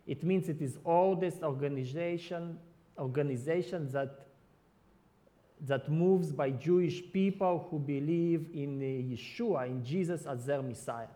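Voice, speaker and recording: With a warm tone, this man who serves in ministry preaches carefully in English that betrays his non-native background. He keeps restarting words and groping for phrasing, and his voice runs slightly high for a man.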